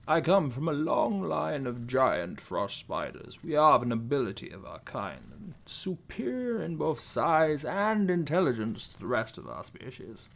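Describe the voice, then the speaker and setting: A man's voice: mid-range voice, wildly swooping pitch, a little slow, creaky, hardly any pauses, a bit bright, heavily acted. A man voicing a pompous male giant frost spider who dreams of being a stage actor, speaking in a haughty, precise, theatrical way. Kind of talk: comedic mock interview.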